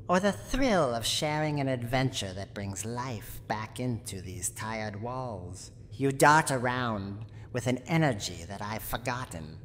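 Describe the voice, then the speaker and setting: A woman with a bass, exaggerated voice plays a tough, guarded granny who is secretly lonely and tender in a roleplay ASMR monologue. Her delivery is slow and dramatic, wistful with teasing bravado, and the recording is noisy with a long reverberant tail.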